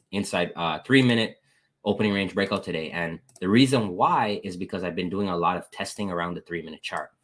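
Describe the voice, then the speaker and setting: A man casually walking viewers through his trades on a screen share, talking to them as "guys" and calling out wins. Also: a bit bright. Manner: casual, repeats "guys" and "boom", thanks chat members. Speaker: trading educator.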